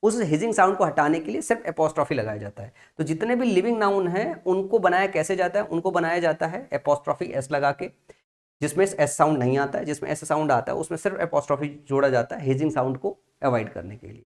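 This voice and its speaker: A man's voice: a little high, expressive, fast talker. A man teaching English grammar in a classroom-style lesson, repeating key points and asking and answering his own questions.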